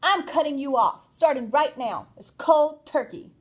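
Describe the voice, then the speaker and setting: A woman's voice: high voice, lively intonation, measured pace, voice pushed up. A woman voicing a young schoolboy who insists and pleads, reading a children's story. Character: young boy, fed up and determined.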